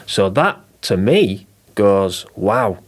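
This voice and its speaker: A marketing director from Yorkshire, England, chats as a podcast guest in an enthusiastic interview. His lower voice moves at a moderate pace, and he comes across as excitable, chatty and informal, with bursts of emphasis.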